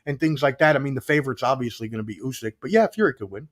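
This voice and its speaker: A man's voice: mid-range voice, expressive, very fast. A man appearing as a guest sports analyst on a casual podcast over a video call, talking conversationally and emphatically as he makes his points.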